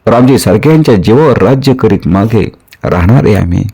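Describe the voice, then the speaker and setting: A man voicing a gentle, humble king who speaks softly and respectfully in a spoken storybook. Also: lowish voice, animated, slightly rough. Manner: soft, respectful and measured. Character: gentle, humble king consoling a grieving family.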